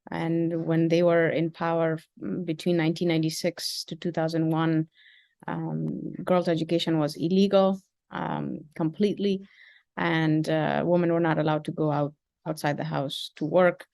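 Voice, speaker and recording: A woman in her thirties from Afghanistan, answering interview questions in a halting, measured way with many ums and uhs. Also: deep voice, flat delivery, gravelly, a little mellow, no room sound. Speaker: interview guest, school founder.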